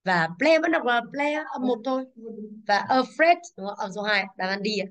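A woman teacher with a fairly high voice walks a class through exam answers at a brisk clip. She stresses each English word and keeps checking that the students follow. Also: animated, a bit bright.

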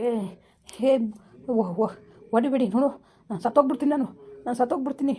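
A woman acting as a threatening young husband who brandishes a knife in a village comedy skit, shouting insults and warnings. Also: high voice, steady tone, quick pace, close to an everyday voice. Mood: pleading.

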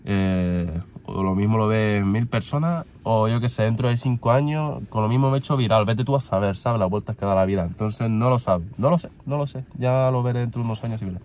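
Stuffy-nosed young guy vlogging, kinda low voice, rambles with lots of ums, faint hiss behind. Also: a little fast, few pauses, a little mellow. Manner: rambling, many fillers and restarts. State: congested from a cold. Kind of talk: casual vlog talk.

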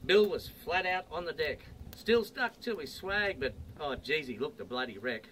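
A man's voice: fairly high pitch, animated, moderate pace, a bit bright, recorded from a distance, a little hiss or hum, poor audio. A man with an Australian accent reciting a comic bush poem with a rollicking rhyming delivery. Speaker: bush poet.

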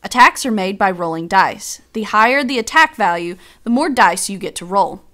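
A woman's voice: medium pitch, expressive, normal speed, a bit bright. A woman co-hosting a board game preview, moving from scripted lines into friendly, chatty remarks with a few restarts. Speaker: game reviewer co-host.

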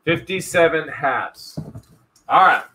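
A man in his thirties runs a live online auction from a small room, talking in a loose, chatty way and repeating the bids to keep things moving. His voice is bright and sits a little high. A faint hiss sits under the webcam audio. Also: takes it slowly, low-quality recording. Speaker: live-stream host auctioning storage-unit finds. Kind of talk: casual live auction chat. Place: small indoor room with a wall of hats behind.

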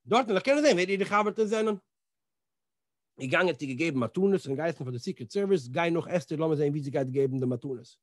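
A man teaching a Torah class as a rabbi, telling the story in an animated way, acting out the dialogue and mixing in English words. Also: a little high, fast, no echo, clean studio sound. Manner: animated, acts out the dialogue in different voices.

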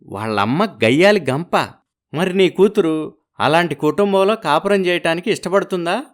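A man voicing a shrewd village marriage broker who talks in a brisk, businesslike way. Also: high voice, lively intonation.

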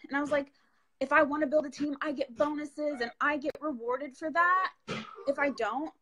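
A woman's voice: sits high, steady tone, normal speed, noisy background. A woman with an Oklahoman accent chatting casually on a live video, animatedly retelling conversations with quoted reactions.

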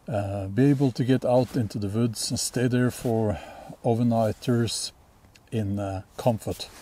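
Slow, deep-toned Norwegian man outdoors. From Norway. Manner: relaxed, rambling, many ums and restarts. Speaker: bushcraft channel host. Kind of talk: casual outdoor gear talk. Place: outdoors in a sunny forest clearing.

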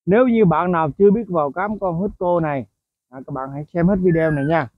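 Talking quickly in a slightly high voice, a man hosting a bird-keeping video chats with viewers about songbirds, dropping in frequent fillers and asides. It's casual explanatory vlog narration, and the tinny, phone-like sound is dry with no echo.

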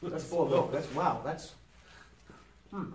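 A man's voice: a little high, unhurried, darkish tone. A man chatting casually in a group while eating gross jelly beans, recorded from a camera across a room. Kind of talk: casual group banter during a jelly bean taste challenge. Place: indoor shop room, seated in a group. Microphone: camera a few meters away. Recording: roomy, distant camera mic, clear noise.

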